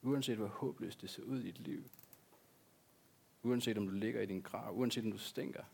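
Gravelly-voiced man preaching earnestly. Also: fairly low pitch. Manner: earnest, repeats key words for emphasis. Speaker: pastor. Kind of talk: sermon.

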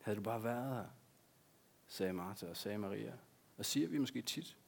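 Man, pastor, sermon, low gravelly voice, husky, earnest and emphatic. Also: lively intonation. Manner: earnest, repeats key words for emphasis.

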